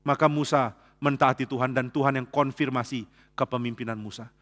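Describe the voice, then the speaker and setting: A man preaching an expository sermon as pastor, acting out dialogue in lively voices and dropping in English phrases. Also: mid-range voice, fairly quick. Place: church sanctuary. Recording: long church hall reverb.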